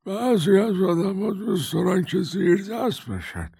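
A man voicing a sly old hermit in a storybook reading, with slow, sneering, drawn-out speech. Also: high-pitched, sing-song, gravelly, dark tone, breathy edge, no echo, voice pushed up, exaggerated voice. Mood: sly, taunting. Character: sly old male bookish hermit, mocking.

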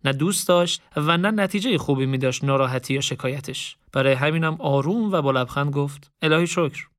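Man, storyteller, reflective, calm, slightly high pitch, dry recording. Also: dry recording. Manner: calm, reflective storytelling in casual spoken style. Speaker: narrator. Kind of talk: audiobook story narration with reflective asides.

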